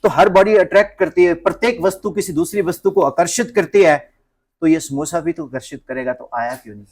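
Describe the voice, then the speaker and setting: A male physics teacher tells his class a story, acting out the characters with lively energy and blending Hindi with English physics terms. His voice sits on the high side and moves a little fast.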